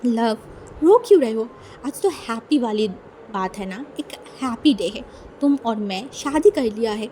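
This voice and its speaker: A woman's voice: a little high, expressive, measured pace, a little hiss or hum. A woman voicing a possessive, teasing young male lover in a fan fiction reading, talking in a coaxing, playful way. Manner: coaxing, playful, soft-spoken. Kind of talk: fan fiction read aloud.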